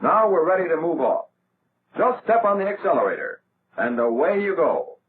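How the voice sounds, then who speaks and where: On a thin, tinny vintage film soundtrack, an American man narrates a 1940s army training reel. His fairly high voice rises and falls with lively movement as he reads scripted instructions in a measured, orderly manner, with a little background noise.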